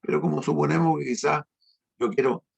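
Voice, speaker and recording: Brief: middle-aged male teacher, husky and gravelly, slow emphatic lesson delivery. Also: a little high, darkish tone, lo-fi sound. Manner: slow, emphatic, drawn-out explanations with tag questions. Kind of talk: online language lesson.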